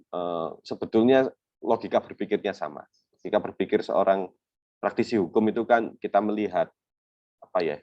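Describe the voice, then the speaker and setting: A man's voice: deep voice, no echo. A young man giving a webinar lecture, explaining things in a conversational way with a lot of fillers and made-up examples, recorded over a video call. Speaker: webinar speaker on refugee law. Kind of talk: academic webinar presentation. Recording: dull lo-fi video call audio.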